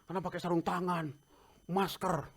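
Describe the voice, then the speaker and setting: A man preaching a sermon as pastor, telling humorous personal stories in an animated way. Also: sits high, normal speed, husky.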